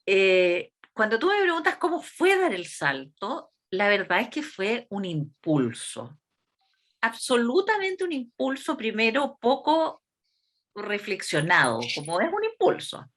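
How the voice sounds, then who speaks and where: A woman's voice: a little high, wildly swooping pitch, a bit bright. A woman in her sixties with a Chilean accent, talking thoughtfully and at length as an interview guest. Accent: Chilean Spanish. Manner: slow, thoughtful, measured. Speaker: interviewee, constitutional delegate. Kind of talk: reflective interview talk.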